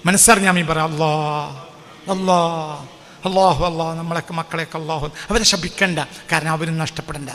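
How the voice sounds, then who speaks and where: A man's voice: fairly high pitch, steady tone, a little fast, a bit bright, in a large hall. A male preacher, giving a sermon. He puts questions to the listeners, repeats phrases for emphasis and recites Arabic lines. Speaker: Islamic preacher. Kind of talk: sermon with call-and-response questions.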